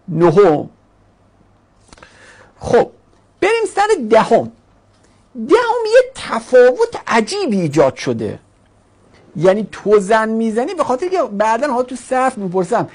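A woman with a somewhat high, slightly mellow voice and a breathy edge teaches a grammar lesson. She asks the class questions, answers them herself, and acts out grammar forms as talking characters with their own voices.

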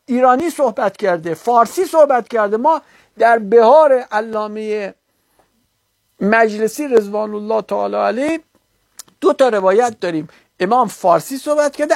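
A man's voice: very high-pitched, animated, no room sound. Dry-sounding man giving an argumentative religious lecture. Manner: argumentative, rising to heated rebuttal.

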